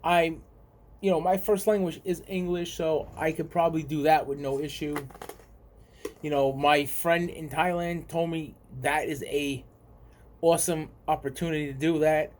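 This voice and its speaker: Man, New York accent, casual vlog chat, rambling, repeats himself, high-pitched. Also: fairly even intonation, moderate pace, a little mellow. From United States. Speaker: vlogger. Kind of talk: casual talk to camera.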